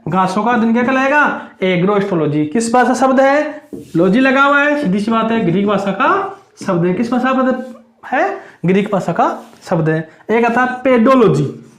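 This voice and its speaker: A high-pitched male teacher runs an exam-prep class, firing a question upward and answering it himself on a low note, over and over. His voice rings around a bare, echoey room. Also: expressive, unhurried, fairly bright tone. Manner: drills students with repeated question and answer.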